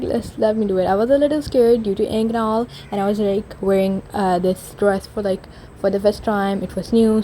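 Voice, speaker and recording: Young woman, casual vlog chat, mellow warm tone, filler-heavy, faint room hum. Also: medium pitch, poor audio. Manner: chatty, lots of fillers. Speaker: vlogger.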